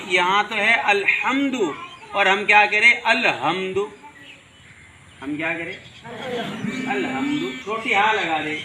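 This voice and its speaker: A man's voice: sits high, pushed and bright, slight background noise. A man teaching a class of children, asking questions, repeating answers and calling on pupils who drift off. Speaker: religious teacher.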